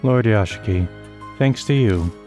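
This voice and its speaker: A man voicing an emotionless, doll-like female servant spirit in a game, speaking in a flat, formal and polite way. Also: on the low side, unhurried, faint music behind.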